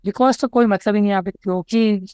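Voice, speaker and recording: A man with an Indian English accent teaching an exam-prep lesson. He reads each English question slowly, then explains it, often checking in with the students. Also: sits high, steady tone, darkish tone, clean tone, dry recording. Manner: explanatory, keeps checking in with "ठीक है?".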